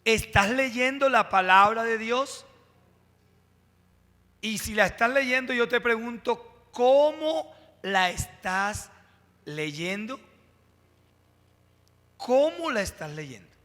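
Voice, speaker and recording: A high, bright male voice, preaching to his congregation. He pushes key words with rising emphasis and drops into pauses and direct asides. The sound rings with a long church reverb. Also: animated. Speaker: pastor. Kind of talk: sermon. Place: church sanctuary.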